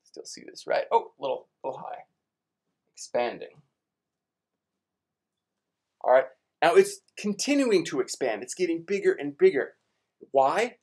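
A man's voice: on the high side, big pitch swings, a little slow, pauses often, darkish tone. A young man teaching a live online space class for kids at a whiteboard, chatty and playful, explaining big ideas with everyday examples. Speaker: science teacher.

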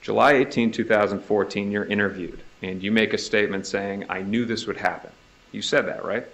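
A man's voice: fairly low pitch, fairly even intonation, a little fast, vocal fry, a bit bright, poor audio. A man with a Boston accent cross-examining a witness in a courtroom, pressing her with leading questions that end in "right?". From Northeastern US. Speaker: prosecutor.

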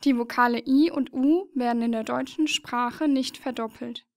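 Woman, educational voice-over, smooth and crisp, dry studio sound, patient. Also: fairly high pitch, steady tone, moderate pace, no echo. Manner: patient and explanatory, spells out letters one by one. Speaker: narrator of a learning video. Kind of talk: scripted educational narration.

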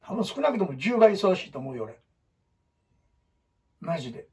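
A man with a Kansai accent, lecturing students on storytelling in an emphatic way, jumping between loud bursts and low asides. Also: big pitch swings, normal speed, husky, recorded from a distance. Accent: Kansai (Osaka). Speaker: storytelling teacher.

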